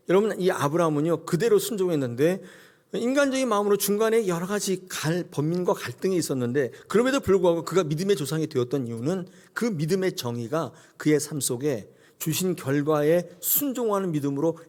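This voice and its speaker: A middle-aged male pastor preaching a sermon and acting out scenes with sudden high cries. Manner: animated, acts out God's voice with sudden high cries.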